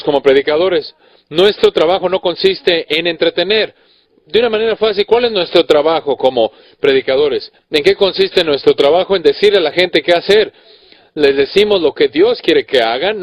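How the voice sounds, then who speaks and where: A man's voice: fairly high pitch, dry recording. A man preaching a sermon to pastors, earnest and emphatic, with rhetorical questions and frequent self-corrections. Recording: dull, dry recording.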